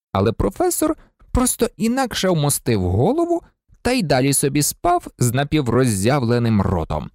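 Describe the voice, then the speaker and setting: An audiobook narrator reading a story aloud in an expressive, lively storytelling manner. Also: medium pitch, dry recording, studio quality.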